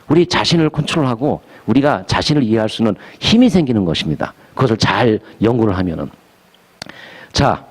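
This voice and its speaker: Animated man preaching to a church group. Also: mid-range voice. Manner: animated, asks the audience questions, laughs often; mixes English words into his talk. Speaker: pastor. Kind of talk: lively talk to a small church audience.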